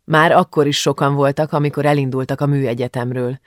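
In clean studio audio with no echo, a mid-range male narrator reads a scripted audiobook, keeping his storytelling steady and measured.

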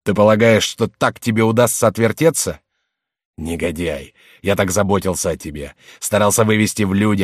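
A man's voice: fairly low pitch, no echo, clean studio sound, natural voice. A man reading an audiobook and voicing a stern male samurai master who barks commands at his servants. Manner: commanding, shouting orders.

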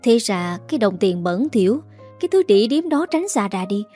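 A woman's voice: mid-range voice, big pitch swings, moderate pace, mellow, faint music behind. A woman voicing a spiteful older woman neighbor who gossips in a sneering way.

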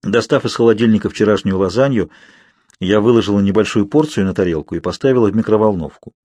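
A man reading a first-person audiobook narration in a calm, even manner on a close mic. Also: fairly low pitch, fast, no echo. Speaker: audiobook reader.

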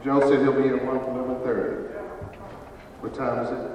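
A man's voice: medium pitch, little pitch movement, moderate pace, a little mellow, slight background noise. A man directing a stage rehearsal, giving blocking instructions and calling counts in a commanding manner. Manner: directive, calls counts and cues. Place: large stage hall. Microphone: far camera. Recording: echoey hall from far off.

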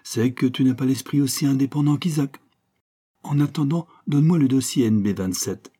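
A man voicing a sharp, commanding detective in an audiobook, firing off brisk questions and orders in a raised, higher voice. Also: husky, lightly acted. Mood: brisk, probing. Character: sharp, commanding male detective, mid-life.

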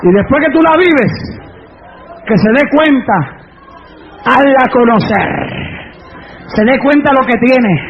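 A man preaching a fiery Pentecostal sermon, shouting repeated exclamations and then settling into earnest talk. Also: very high voice, lively intonation, takes it slowly, vocal fry, pauses often, a little hiss or hum. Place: church service with congregation. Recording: muffled service recording with music and crowd.

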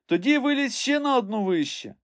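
A man doing a frantic, high-voiced gentleman. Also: sing-song, a little fast, no room sound, studio quality. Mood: commanding. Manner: agitated, commanding, trembling. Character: excitable obsessed gentleman treasure hunter.

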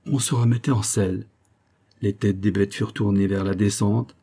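Husky, dark-voiced male narrator. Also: on the low side. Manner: measured, expressive reading. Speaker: audiobook narrator. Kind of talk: scripted literary narration.

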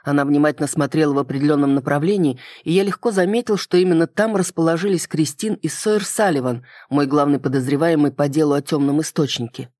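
Calm, even audiobook reader. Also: mid-range voice, quick pace, hardly any pauses, no echo, clean studio sound. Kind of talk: first-person fantasy narration.

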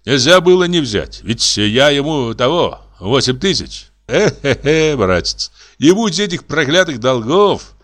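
A man's voice: mid-range voice, big pitch swings, a little slow, hardly any pauses, a bit bright, pitched above the performer's own voice. A man voicing a sly, debt-ridden landowner who sighs and sneers. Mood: rueful. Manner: wheedling, sighing, sneering chuckle.

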